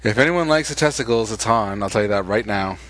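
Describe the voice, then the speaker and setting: A man co-hosting a casual late-night podcast chat, teasing his partner with deadpan jokes. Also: lowish voice, fast talker. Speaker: podcast co-host.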